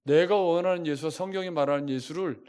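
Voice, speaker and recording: Male pastor, slightly high voice, preaching a sermon that keeps asking the congregation questions, lively, shifts loudness for emphasis. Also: quick pace, clear, resonant tone. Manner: asks the congregation many rhetorical questions.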